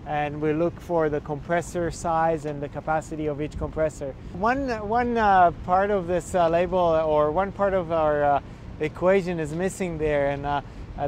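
A man's voice: fairly high pitch, a little mellow. Young man explaining on a rooftop. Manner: hesitant, many filler sounds and restarts. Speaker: energy auditor instructor. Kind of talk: instructional walkthrough. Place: outdoors on a building rooftop. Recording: faint outdoor noise.

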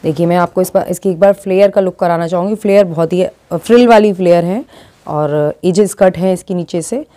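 A woman's voice: lowish voice, a little fast, warm tone. A woman presenting a boutique's dresses, describing each garment as she shows it, speaking. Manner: describes garments while showing them. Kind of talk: product showcase talk.

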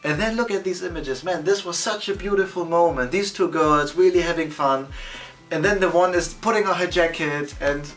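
A man in his thirties talking casually to the camera as a photography vlogger, animated and gesturing with both hands. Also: a little high, normal speed, distant mic, faint music behind. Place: indoor studio against a plain backdrop.

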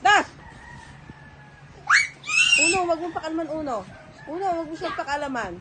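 A woman's voice: high-pitched, normal speed, very noisy. A mother in a casual family vlog, playfully pretending to be angry as she scolds her small children.

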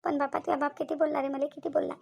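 A woman's voice: high voice, little pitch movement, quick pace, vocal fry, darkish tone. A woman voicing an aggrieved middle-aged mother in a cartoon, with a whiny, lamenting manner. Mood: self-pitying. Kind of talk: cartoon voice acting.

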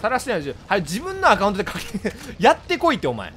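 A man with a Kansai accent chatting casually with his live-stream viewers, blunt and scolding in rapid-fire retorts. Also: high-pitched, wildly swooping pitch, heavy background noise. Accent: Kansai Japanese.

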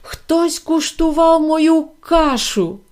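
A woman voicing a huge, angry male bear in a storybook reading, with a slow roaring shout. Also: high-pitched, lively intonation, pitched above the performer's own voice, full character voice.

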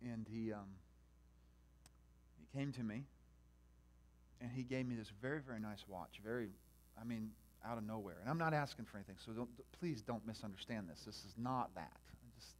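A pastor with a lowish voice preaches at a moderate pace, addressing his listeners directly. He swings between quiet conversation and loud, impassioned preaching.

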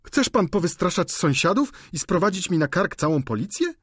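A man's voice: high-pitched, very animated, moderate pace, a bit bright, husky, no room sound, clean studio sound, voice pushed up, heavily acted. A man voicing an indignant older landlady who scolds.

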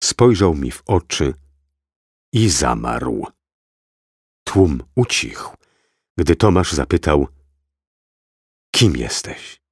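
A man narrating an audiobook in the first person, reading in a slow, solemn and expressive way. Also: very deep voice, vocal fry, slightly rough, no echo, clean studio sound.

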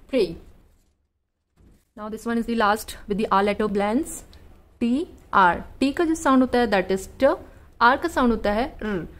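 Indian woman teaching phonics to kids, slightly high voice, very slow, careful sounding-out of every blend. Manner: slow, sounds out each word part by part.

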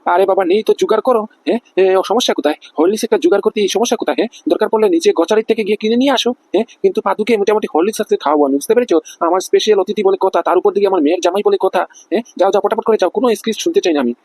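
A man's voice: high voice, rapid-fire, darkish tone. A man voicing a pushy middle-aged company boss in a cartoon, who keeps asking whether he is understood. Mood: bossy. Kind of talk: cartoon voice acting.

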